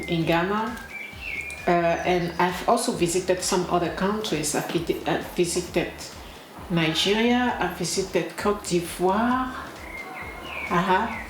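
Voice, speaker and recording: Slow, deliberate woman in echoey room. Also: fairly low pitch. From Cameroon. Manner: slow and deliberate, pausing, emphatic repetitions. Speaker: vlogger. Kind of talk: casual talk to camera. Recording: echoey room with clear background noise.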